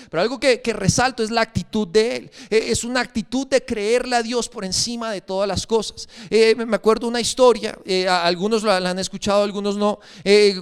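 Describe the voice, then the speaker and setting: A young preacher delivers a sermon in a high, smooth, clear voice. He tells a personal story with animated, emphatic energy.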